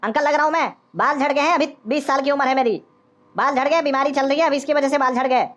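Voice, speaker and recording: A woman voicing a touchy balding young cartoon man who hates being called uncle, grumbling in a lowered voice. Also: quick pace, close to an everyday voice. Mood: offended. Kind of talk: cartoon voice acting.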